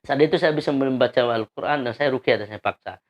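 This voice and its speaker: A man telling his story to an audience in an earnest, emphatic way, often pausing with hesitations. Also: mid-range voice, muffled recording. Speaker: convert giving testimony. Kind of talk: spoken testimony to an audience.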